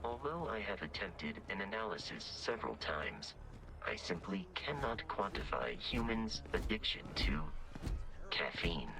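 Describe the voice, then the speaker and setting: A too-smooth game android. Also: male voice, lowish voice, sing-song, measured pace, noisy background, full character voice. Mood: puzzled. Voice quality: precise and evenly polished, detached. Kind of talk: voiced game character.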